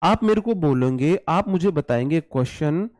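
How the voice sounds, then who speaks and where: A man's voice: a little high, expressive, normal speed, darkish tone, no echo, studio quality. A man teaching an English class online, casual and repetitive, drilling words aloud and calling students his brothers. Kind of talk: online exam-prep class.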